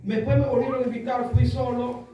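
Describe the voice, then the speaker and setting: A man with an Argentine accent preaching a sermon, impassioned and rising to shouts, telling stories to his congregation. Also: very high voice, flat delivery, fairly quick, highs cut off, noisy background. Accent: Argentine Spanish. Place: church hall with congregation. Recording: echoey church, mic far off.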